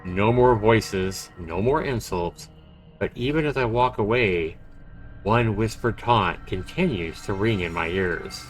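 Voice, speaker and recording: A livestreamer plays a horror visual novel, reading its text aloud dramatically and chatting about it casually. His fairly low voice moves slowly over music, and the recording is rough.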